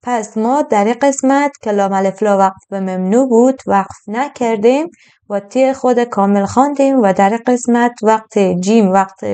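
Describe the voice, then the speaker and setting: Mellow-voiced woman teaching Quran recitation. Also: on the high side, clean tone. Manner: patient explaining, slowly drawn-out recited verses. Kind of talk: step-by-step recitation lesson.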